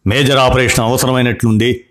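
A man's voice: mid-range voice, flat delivery, brisk, pitched above the performer's own voice, lightly acted. A man voicing a stern middle-aged doctor who scolds the parents.

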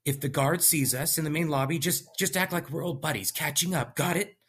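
A man's voice: on the high side, a little fast, fairly bright tone, breathy edge, voice pushed up. A man voicing a panicky young male lab worker who stammers and curses. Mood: urgent.

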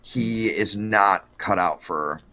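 A man's voice: lowish voice, slow, sharp tone. A man co-hosting a podcast, telling a true-crime story in a joking, profane, casual way. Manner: joking, profane, lots of fillers.

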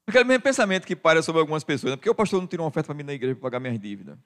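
A middle-aged Brazilian pastor, a man with a Brazilian Portuguese accent, preaching with a somewhat high voice. He keeps calling the congregation "dear" and swings between quiet, intimate stretches and loud, rising passages. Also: animated, very fast. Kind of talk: sermon.

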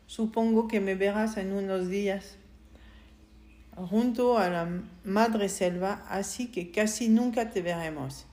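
A woman reading the part of a calm, resigned young woman in an audiobook, speaking softly and quietly. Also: medium pitch, slow pace, close to an everyday voice. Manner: soft, quiet delivery.

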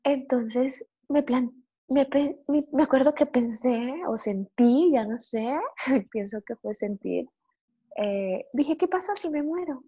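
Husky woman telling a lively story. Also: fairly high pitch, takes it slowly, muffled recording. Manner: animated storytelling with sudden cries and laughs. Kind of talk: casual conversation.

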